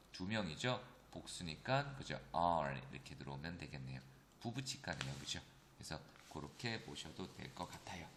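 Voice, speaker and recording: A man teaching an English grammar lesson, explaining step by step and often checking in with his students. He slows down to read English example sentences aloud. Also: low voice, bright, forceful tone, reverberant, slight background noise. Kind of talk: recorded classroom lecture.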